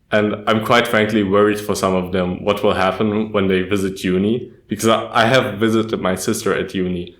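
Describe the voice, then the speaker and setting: Young guy from germany on a podcast, kinda low voice, slow and earnest, roomy echo. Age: young adult. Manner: measured, earnest, says "quite frankly" often. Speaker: podcast co-host. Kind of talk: casual podcast chat.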